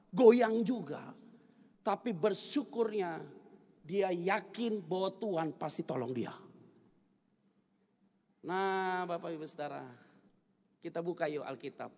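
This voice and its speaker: A middle-aged man preaching a sermon, telling a personal story with animated delivery that climbs to loud emotional peaks. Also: high voice, unhurried, long pauses. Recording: long hall reverb.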